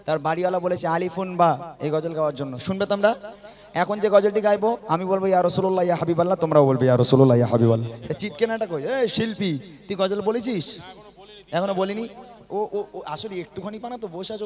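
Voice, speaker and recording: A man leading a live devotional gathering from the stage microphone, chatting between songs and coaxing the audience to chant louder. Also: high-pitched. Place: live outdoor or hall gathering at night with audience. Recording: live event with music behind. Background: music playing under the voice.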